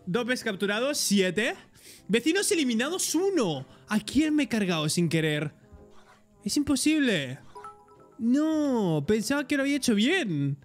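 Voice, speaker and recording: A man with a Spain Spanish accent streaming a game, joking excitably and talking to his chat. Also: very high-pitched, a little slow, soft background music. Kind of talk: live gameplay commentary.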